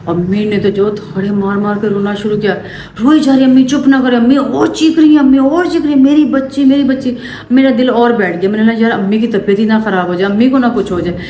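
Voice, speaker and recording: A young woman from Pakistan, telling a story to camera for her family vlog in an animated way. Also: medium pitch. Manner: animated, quick to act out what happened. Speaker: family vlogger. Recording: echoey room with faint ambient noise.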